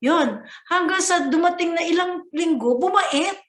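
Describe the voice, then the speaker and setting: A woman's voice: very high-pitched, measured pace, fairly bright tone. A woman giving a conversational motivational talk, often asking her listeners to agree with her. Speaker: motivational speaker. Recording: echoey room.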